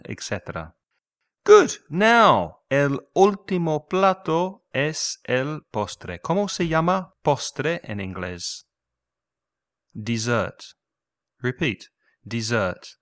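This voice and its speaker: A man teaching English vocabulary in a recorded lesson, slowly drilling words and prompting the listener to repeat. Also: medium pitch, fairly bright tone, no echo, clean studio sound. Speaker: language teacher.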